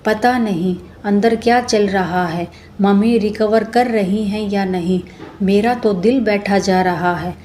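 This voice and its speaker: A woman's voice: mid-range voice, takes it slowly, mellow, a little hiss or hum, lightly acted. A woman voicing a middle-aged husband who talks in an earnest, pleading way. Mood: grieving. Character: grieving then loving husband, middle-aged man.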